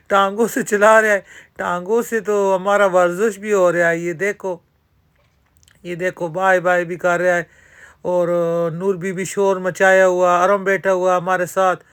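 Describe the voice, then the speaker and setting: A woman's voice: on the low side, flat delivery, smooth. A woman vlogger talks casually into a handheld phone at an outdoor amusement park. She chats straight to her viewers and keeps dropping religious phrases into her talk. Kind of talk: casual vlog narration.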